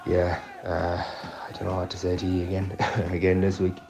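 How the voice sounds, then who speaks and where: Low-voiced man with a west of Ireland accent. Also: monotone, moderate pace. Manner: downbeat, exasperated, blunt and sweary. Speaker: football supporter sending a voice note. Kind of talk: casual voice note, sweary fan rant.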